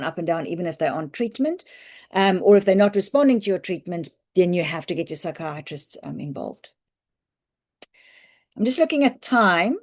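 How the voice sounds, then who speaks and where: A woman physician teaches on a video call, her voice hoarse and croaky. She explains clinical points in a practical, reassuring way. Her delivery is loose and conversational. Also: mid-range voice, darkish tone. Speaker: family physician presenting a webinar. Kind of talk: online medical teaching talk. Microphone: computer mic on a video call.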